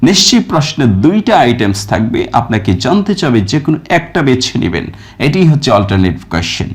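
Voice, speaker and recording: A man teaching a recorded grammar lesson, reading example sentences slowly and with stress, then explaining each one. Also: medium pitch, sing-song. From Bangladesh. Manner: reads English examples slowly and with stress, then glosses them. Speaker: English teacher.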